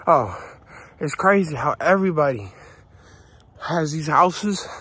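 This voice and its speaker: A man's voice: on the high side, lively intonation, slow, pushed and bright, slightly rough, dry recording. A young man talking to his camera while running outdoors, out of breath, blunt and swearing, pushing himself along. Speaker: vlogger. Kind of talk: casual running vlog. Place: outdoors on a neighborhood street at dawn.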